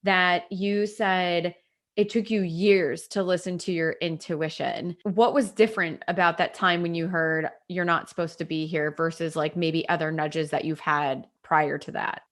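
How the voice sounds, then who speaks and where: An encouraging woman hosting a podcast, talking in a low, relaxed register. She chats casually and sprinkles in "like" and soft murmured agreement while her guest speaks. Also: unhurried. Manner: encouraging, fills with "like" and soft "mm" backchannels. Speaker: podcast host. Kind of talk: casual interview chat.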